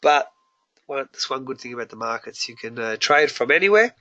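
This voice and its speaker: A man's voice: mid-range voice, lively intonation, fast, bright, forceful tone, highs cut off. A congested man hosting a live trading webinar, talking informally and restarting sentences as he goes. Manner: informal, restarts mid-sentence, addresses viewers as guys. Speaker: forex trading analyst hosting a weekly webinar. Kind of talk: live webinar market walkthrough.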